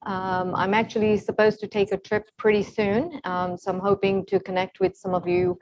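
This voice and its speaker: A middle-aged woman from Zambia, an Ayurvedic consultant, giving a relaxed talk full of ums over a video call. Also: mid-range voice, moderate pace. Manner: relaxed, many ums, explanatory. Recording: slightly dull video call audio.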